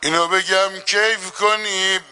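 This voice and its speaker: High-voiced man chanting a mourning lament. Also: fairly even intonation, clean tone. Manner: drawn-out sung lines, then quick hushed narration. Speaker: religious eulogist leading a mourning gathering. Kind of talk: chanted mourning lament mixed with spoken storytelling. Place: religious gathering.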